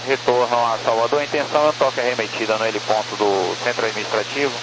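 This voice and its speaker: A man's voice: medium pitch, fairly even intonation, fast. A man speaking over a two-way police aircraft radio, a helicopter pilot reporting to air traffic control in clipped, formal radio phraseology. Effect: heard over a two-way police aircraft radio. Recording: noisy radio transmission.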